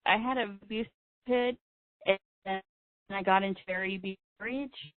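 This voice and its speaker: A woman calling in to a show, talking haltingly while her phone line keeps breaking up. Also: medium pitch, dry recording. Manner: halting, hesitant. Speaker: caller. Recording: tinny, dry phone line cutting in and out.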